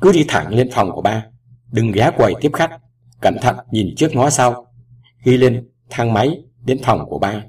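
A man playing an older father, an ambassador, who speaks in a measured and careful way, recorded at a distance from the mic. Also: mid-range voice, animated, a little mellow, slightly rough.

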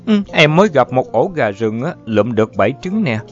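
A man voicing a tender, worried young woman who pleads softly with her sick lover. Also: mid-range voice, sing-song, fairly quick, natural voice. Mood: pleading. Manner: pleading, soft and fussing. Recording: dull lo-fi audio, faint music.

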